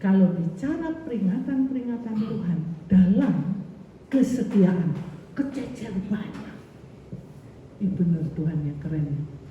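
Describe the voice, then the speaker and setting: A woman's voice: medium pitch, sing-song, measured pace, dark tone, slight background noise. A woman pastor giving a chatty sermon full of stories and quoted voices. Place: church hall. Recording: echoey hall from far off, dull.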